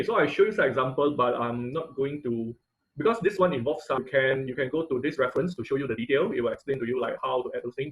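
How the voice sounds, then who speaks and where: On an online class call, a male instructor leads a live coding tutorial through his computer mic, regularly halting and rewording sentences partway through. He has a medium-pitched voice, and the audio is poor.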